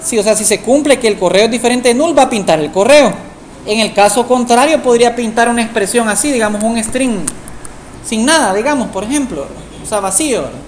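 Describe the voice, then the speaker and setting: A woman teaching software to a class, tagging nearly every phrase with a questioning aside, recorded in a classroom with students present. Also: mid-range voice. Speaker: programming teacher. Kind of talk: live classroom software tutorial. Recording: echoey room with faint background noise.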